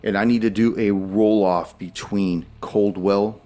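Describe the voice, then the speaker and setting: Deep-voiced male game master. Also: fairly even intonation, unhurried, warm tone, soft background music. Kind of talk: narrating a tabletop role-playing game.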